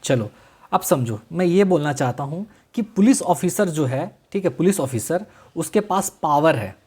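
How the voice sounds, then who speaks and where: A male law teacher giving a classroom-style lecture, mixing Hindi with English legal terms, repeating key phrases slowly and quizzing his students. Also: fairly high pitch, animated, darkish tone, breathy edge.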